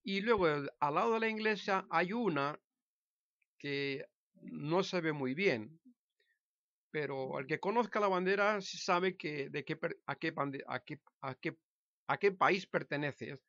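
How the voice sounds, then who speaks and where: A man's voice: on the high side, fairly bright tone, no echo, lo-fi sound. Hesitant Spanish man in his sixties. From Spain. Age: 60s. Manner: hesitant, halting, with frequent restarts and self-corrections. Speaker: vlogger telling his life story. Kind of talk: casual personal monologue to camera.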